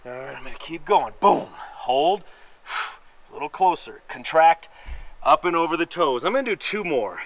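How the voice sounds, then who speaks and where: Moderately paced and fairly high-pitched, a slightly nasal fitness instructor gives workout instruction as he exercises on an outdoor wooden deck among pines. He coaches energetically, counting reps and adding joking asides, over slight background noise.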